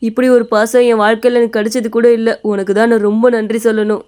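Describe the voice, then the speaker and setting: Lonely hurt laborer man played by a woman, plaintive, highish voice, flat tone, cartoon story. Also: quick pace, clean tone, close to an everyday voice. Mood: grateful. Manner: pained, plaintive pleading. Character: poor injured lonely male laborer.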